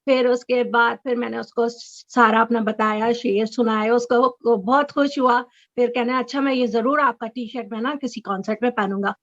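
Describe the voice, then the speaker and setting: Woman, middle-aged, high-pitched, animated storyteller, dry muffled video call audio. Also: normal speed, no room sound. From Chicago resident. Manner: animated, breaks into high squeals when excited. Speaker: interview guest, fan.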